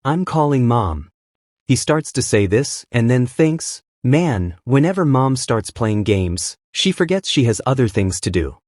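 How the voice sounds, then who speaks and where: A man's voice: mid-range voice, big pitch swings, measured pace, a little mellow, dry recording, clean studio sound. A man narrating a manhwa recap, reading every character's lines in his own voice.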